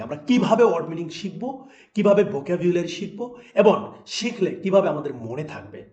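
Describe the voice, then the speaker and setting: A man teaching English vocabulary in Bengali, talking straight to viewers with quick questions that he answers himself. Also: on the high side. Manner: lively, talks to viewers directly with quick asks and answers. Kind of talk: explanatory lesson narration. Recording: roomy echo.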